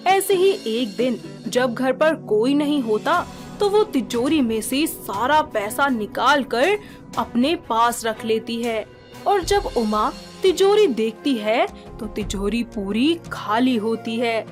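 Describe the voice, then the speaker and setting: A woman narrating a moral story in a measured storytelling manner. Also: on the high side, lively intonation. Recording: music playing under the narration.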